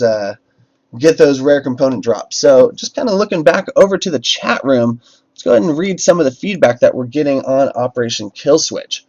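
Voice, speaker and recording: A man's voice: a little high, a little mellow. A man hosting a game livestream, talking casually to chat with lots of fillers and restarts. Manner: chatty, many fillers and restarts. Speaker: livestream host. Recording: dull lo-fi stream audio with faint music.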